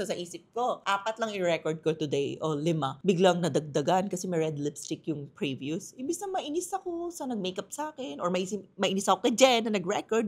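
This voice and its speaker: A woman hosting her podcast, chatty and animated, switching between Tagalog and English as she tells stories. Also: medium pitch. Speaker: podcast host. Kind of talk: casual podcast monologue.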